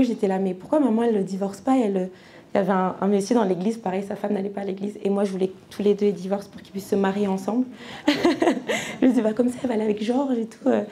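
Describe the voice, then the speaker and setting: A French woman in her thirties gives a personal church testimony in a medium-pitched, dark-toned voice. She speaks conversationally, with many fillers, hesitations and restarts.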